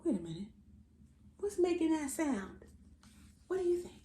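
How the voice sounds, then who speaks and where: A high-voiced American woman hosts a kids' storytime at a moderate pace, reading playfully and theatrically and speaking directly to her young audience. She hams up the silly sound words. The room has some echo and light background noise.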